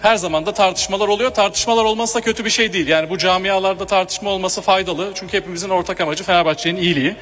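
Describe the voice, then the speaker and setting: Man at a podium microphone, high bright voice. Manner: formal and measured, with hesitating "e" fillers. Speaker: club member addressing a general assembly. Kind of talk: formal speech. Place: speaking at a podium microphone in a large hall. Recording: long hall reverb, faint room noise.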